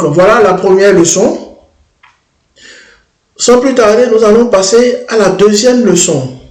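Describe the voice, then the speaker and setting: A man leads a screen-demo tutorial for a language-learning app, his voice pitched high and his delivery slow. He talks haltingly, often restarting and repeating words. The recording carries a noticeable room echo.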